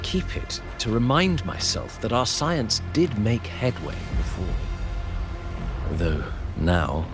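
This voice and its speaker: An actor playing an absent-minded, excitable engineering professor in a video game, scatterbrained and eager about his work. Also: fairly low pitch, takes it slowly, over music, full character voice. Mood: proud, wistful.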